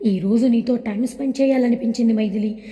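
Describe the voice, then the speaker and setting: A woman's voice: on the high side, fast, warm tone, close to an everyday voice. Tender lovesick young man, read by a woman. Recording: long hall reverb.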